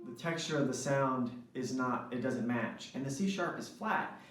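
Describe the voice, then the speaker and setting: A man teaches saxophone fingerings in an instructional lesson, often pausing to ask "right?". His voice sits at an ordinary middle pitch. The recording is heavily echoey, with the mic set back from him. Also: over music. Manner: explanatory, frequent "right?" checks. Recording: echoey room, mic at a distance.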